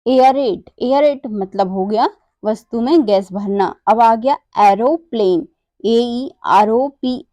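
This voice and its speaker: A woman teaches English pronunciation at a slow, deliberate pace. Her voice sits a little high, and she spells words out letter by letter before answering her own questions. The recording is dry and close. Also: dark tone, dry recording.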